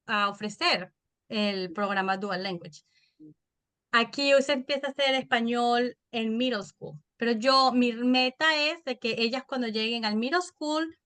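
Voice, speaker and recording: Venezuelan lady in her 30s chatting on a podcast, bright tone, quick animated storytelling. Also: a little high. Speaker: podcast guest. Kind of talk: casual interview chat.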